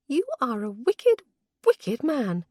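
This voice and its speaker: A woman voicing a spirited young newlywed gentlewoman, playful and arch in her teasing. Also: fairly high pitch, wildly swooping pitch, dry recording, clean studio sound, voice pushed up, heavily acted. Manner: playful, arch, quick to tease.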